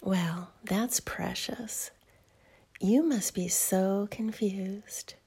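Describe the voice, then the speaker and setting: A soft, breathy whisper carries this audio roleplay, where a woman fully voices an adult female fairy who teases and dotes. Her mid-range delivery is slow and coaxing.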